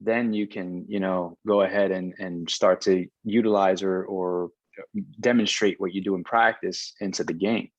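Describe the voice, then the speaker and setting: Middle-aged guy with a lowish voice chatting casually, rambles and restarts a lot, dry sound. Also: fairly even intonation, moderate pace, no echo, highs cut off. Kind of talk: casual conversation about baseball.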